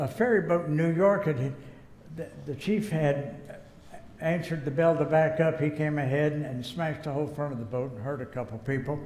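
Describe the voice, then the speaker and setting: A man's voice: a little high, darkish tone. An older American man telling a rambling, folksy story as a guest speaker, chuckling now and then. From United States. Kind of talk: anecdotal storytelling speech. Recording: echoey hall, faint background noise.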